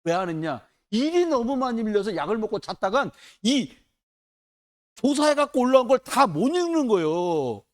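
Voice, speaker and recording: Lively high-voiced male preacher. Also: moderate pace. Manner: animated, colloquial storytelling with acted quotes. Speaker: pastor. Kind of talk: sermon. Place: church.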